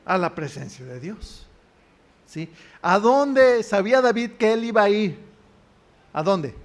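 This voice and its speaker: A man's voice: high voice, expressive, takes it slowly. A man with a Mexican Spanish accent preaching a sermon in a church, often asking the congregation questions and answering them himself. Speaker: pastor.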